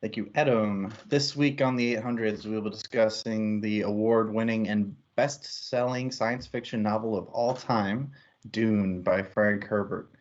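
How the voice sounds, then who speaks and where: As one of two co-hosts on a book discussion livestream, this man speaks in a lowish, steady voice without hurrying. The audio's highs are cut off, and his hosting is partly casual and partly a prepared introduction.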